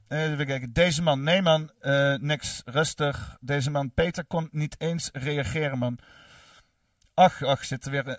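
A man's voice: medium pitch, no echo, clean studio sound, far from the mic. A man hosting a livestream, reading and answering chat in a rambling, cursing way full of fillers. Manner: rambling, profane, many fillers.

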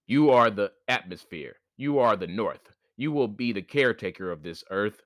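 A man voicing the great sun, a solemn male creator, who speaks in measured, commanding lines. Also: lowish voice, animated, fairly bright tone, no echo, studio quality.

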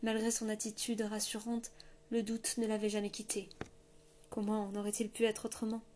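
A woman narrating a fantasy novel in a steady, measured storytelling voice. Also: mid-range voice, slight background noise. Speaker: audiobook narrator. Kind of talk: scripted narration.

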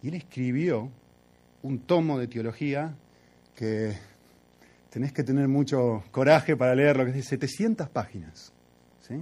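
Thirties man, relaxed storytelling preacher, mid pitch, halting pauses. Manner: conversational, reflective, with filler pauses. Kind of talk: sermon with storytelling.

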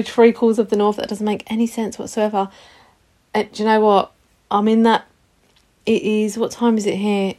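A woman's voice: mid-range voice, darkish tone. A British woman in her thirties hosting a solo podcast in a casual, confessional and self-mocking way, informal and happy to swear. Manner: chatty, confessional and self-mocking, with frequent giggling. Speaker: podcast host.

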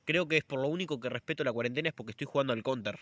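A man's voice: mid-range voice, very fast, fairly bright tone, no room sound. A young man with an Argentine accent in a casual chat, laid-back, slangy and a little profane. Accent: Argentine Spanish.

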